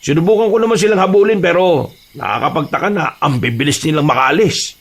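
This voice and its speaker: A man voicing a calm old family friend who gravely tells of strange thieves in a horror audio drama. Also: on the high side, fast. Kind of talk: Tagalog horror radio-drama acting.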